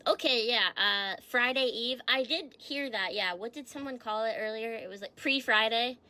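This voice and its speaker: A woman chats casually on her livestream, reading fun facts aloud and stopping to answer her chat with small giggles. Her voice sits a touch high and has a sharp, bright edge. She sounds a little stuffy from allergies. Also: normal speed. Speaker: streamer.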